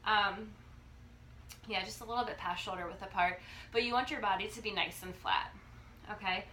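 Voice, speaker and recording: Bright-voiced woman coaching exercise, noisy recording. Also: medium pitch, fairly even intonation. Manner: halting, instructional, checks in with "okay". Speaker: fitness coach demonstrating exercises. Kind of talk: casual exercise demonstration. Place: living room, indoors. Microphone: phone or camera a few feet away. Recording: noisy home video, phone mic.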